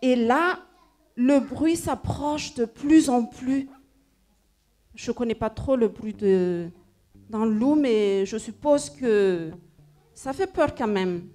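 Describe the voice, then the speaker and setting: A woman with a high voice tells a story to children at a church service. She speaks slowly and in an animated way, turning to her young listeners with frequent questions. She draws out her words as the story unfolds.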